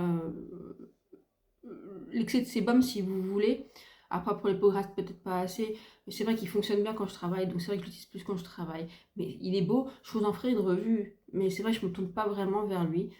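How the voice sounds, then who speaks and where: A woman's voice: mid-range voice, fairly even intonation, a little fast, mellow, reverberant. A middle-aged woman in casual makeup review chat, gushing and repeating herself with many fillers, filmed at home by a window. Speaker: beauty vlogger. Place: home room by a window, ring light. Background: faint sounds of kids gaming and neighbour's renovation.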